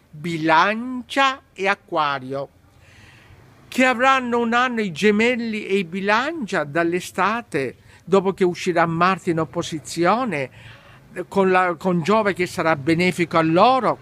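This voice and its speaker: A middle-aged fortune teller, giving a horoscope to camera in a deliberate delivery with pauses. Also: mid-range voice, a bit bright. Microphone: handheld phone or camera at arm's length.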